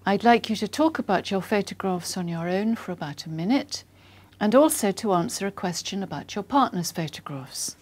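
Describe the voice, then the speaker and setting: A woman acting as examiner, reading scripted test instructions in a formal, measured, polite way. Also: medium pitch, lively intonation, darkish tone.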